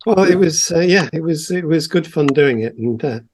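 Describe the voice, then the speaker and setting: A man with a high voice for his sex talks casually after a play reading. It is relaxed, informal conversation. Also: moderate pace, slight background noise.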